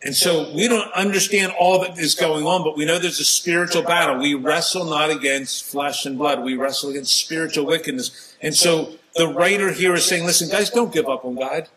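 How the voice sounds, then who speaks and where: A man preaching a sermon in a church, talking to the congregation in a conversational way, with sudden emphatic rises and soft, quiet drops. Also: fairly high pitch, moderate pace, hardly any pauses, rough recording.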